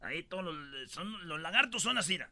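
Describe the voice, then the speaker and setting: A man's voice: a little high, lively intonation, fairly quick, sharp tone. A man from Michoacán with a Mexican accent, hosting a comedic countdown with slangy, joking storytelling. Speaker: host.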